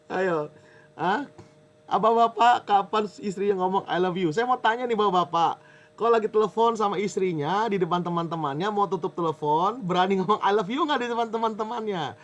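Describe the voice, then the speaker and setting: Lively pastor preaching to a congregation. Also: male voice, high voice, moderate pace. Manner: jokes with the audience, reads a letter aloud. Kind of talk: lively sermon with audience banter.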